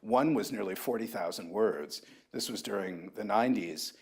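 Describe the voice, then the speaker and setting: A man in his sixties, an author at a university book talk, reminiscing thoughtfully with halting restarts. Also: fairly low pitch, vocal fry, husky. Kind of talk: reflective anecdotal talk.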